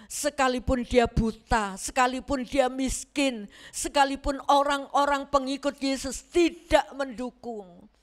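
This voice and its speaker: A woman preacher delivers an animated sermon in a church. Her voice sits high. She slips into the voices of the people she quotes. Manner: animated, acts out quoted voices, mixes in Javanese words.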